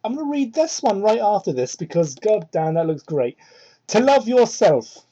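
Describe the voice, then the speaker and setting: A high-voiced man with a dark tone, very animated and at a moderate pace, hosts a mocking read-aloud of fan fiction. He ad-libs sarcastic, incredulous commentary with theatrical emphasis. His cheap microphone produces muffled, low-quality sound.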